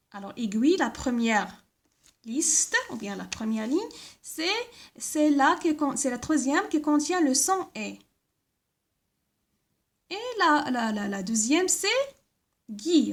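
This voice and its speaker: A woman teaching a primary school class, reading instructions and spelling out letters and sounds, often checking with "d'accord?". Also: high voice. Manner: slow, careful, repeats words and letters, frequent "d'accord?".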